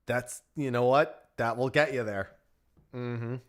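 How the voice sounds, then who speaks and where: A man's voice: medium pitch, a little slow. A man hosting a stream, talking casually in a group voice chat. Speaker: stream host.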